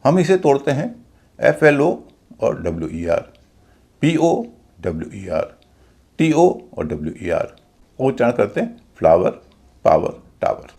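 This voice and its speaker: A man with an Indian accent teaching English pronunciation in a video lesson, spelling out letters slowly before saying each word. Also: medium pitch, gravelly, a little mellow, slightly rough.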